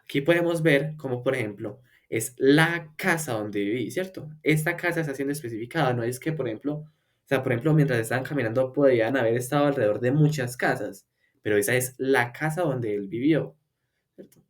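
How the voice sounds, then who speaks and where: A man teaching a beginner language lesson, patiently explaining step by step with repeated examples and slowing down to model words. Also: mid-range voice. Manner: slows down to model English words for repetition. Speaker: English teacher.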